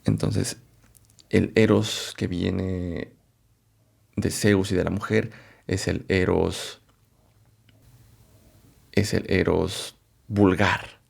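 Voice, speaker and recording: A man presenting a philosophy lecture, unhurried and thinking aloud, often checking in with rhetorical questions and correcting himself as he goes. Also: deep voice, level tone, vocal fry. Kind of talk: explanatory lecture to camera.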